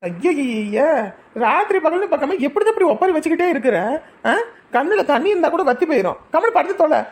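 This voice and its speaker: A woman voicing a gruff, dismissive young husband in an animated drama. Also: high-pitched, fast. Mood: irritated. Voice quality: grumbling, dismissive.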